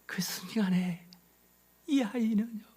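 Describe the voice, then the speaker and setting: A male pastor preaching a sermon, telling a story with sudden drops to a whisper and loud emphatic peaks. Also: high voice, slow, slightly rough. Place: church sanctuary.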